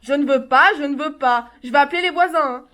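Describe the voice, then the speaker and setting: Brief: a woman playing a scared, grieving mother, high voice, tense and pleading. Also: fast talker, fairly bright tone. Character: frightened, grieving middle-aged mother. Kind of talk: stage play reading.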